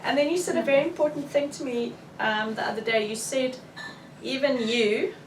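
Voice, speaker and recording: A frank, animated South African author speaks in a high voice at a moderate pace during a candid book launch discussion. She's in a bookshop event room, and the recording sounds roomy and distant, with faint room noise.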